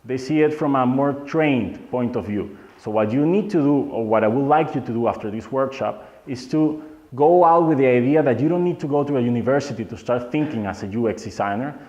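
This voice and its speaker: A man's voice: medium pitch, fairly quick, dark tone. A young man from Venezuela, giving a live workshop lecture in loose English and quizzing his audience. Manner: loose, non-native phrasing, asks the audience questions. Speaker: workshop speaker. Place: meetup hall. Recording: roomy, muffled hall recording.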